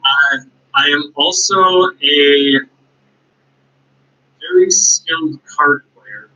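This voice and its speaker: Lively bright-voiced young man, hesitant. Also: fairly high pitch, drawn-out words. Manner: hesitant, lists his talents with fillers. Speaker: guest. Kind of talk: casual interview chat. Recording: dull lo-fi audio.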